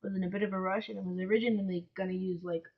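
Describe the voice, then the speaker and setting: A woman's voice: medium pitch, fairly even intonation, rapid-fire. A woman giving casual, self-mocking commentary while she does a craft project, groaning dramatically now and then. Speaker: vlogger. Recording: dull, lo-fi home recording.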